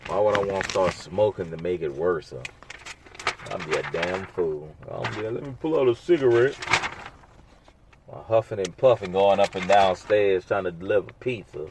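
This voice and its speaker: A man's voice: low-pitched, moderate pace, background noise. A man hosting a solo podcast, rambling in a casual, sarcastic, blunt way full of slang. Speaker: podcast host.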